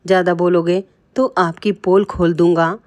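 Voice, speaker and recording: A cunning royal minister from a storybook tale, as a woman narrator reads his lines. He talks slyly and persuasively, and the voice sits low. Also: little pitch movement, moderate pace, darkish tone, no echo, close to an everyday voice.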